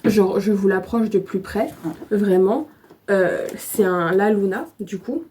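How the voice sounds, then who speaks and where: A woman chatting casually as she unboxes items at home on her bed, gushing and excitable, with plenty of fillers. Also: mid-range voice, takes it slowly. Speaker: vlogger.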